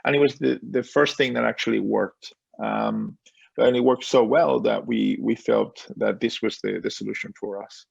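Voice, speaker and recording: Gravelly-voiced man in his forties. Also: lowish voice, normal speed, no room sound, lo-fi sound. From Spain. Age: 40s. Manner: relaxed storytelling with many fillers and small laughs. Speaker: guest, company founder. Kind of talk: casual interview on a call. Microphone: video call.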